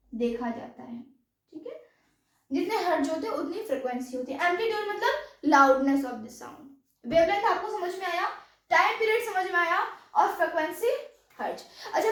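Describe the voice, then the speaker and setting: A woman teaching a science class, explaining step by step in Hindi mixed with English terms and often asking if there are doubts. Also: extremely high pitch. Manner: mixes English terms into Hindi, repeats checks like "any doubt". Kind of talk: classroom lecture. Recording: echoey room, voice from far off.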